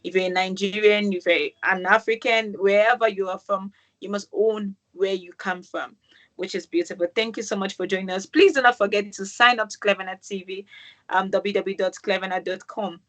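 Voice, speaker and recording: Wrapping up her interview show, a Manchester host from England gushes over her guest, keeps describing things as beautiful, and fills her speech with "um"s. She speaks briskly in a medium-pitched, slightly bright voice with a steady tone.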